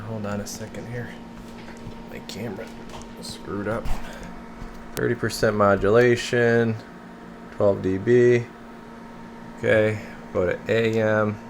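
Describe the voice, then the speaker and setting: Here a radio technician with a mid-range voice and vocal fry gives an unscripted CB radio demonstration. He narrates casually, muttering and thinking aloud as he handles the gear. The room is noisy, with a steady hum of equipment.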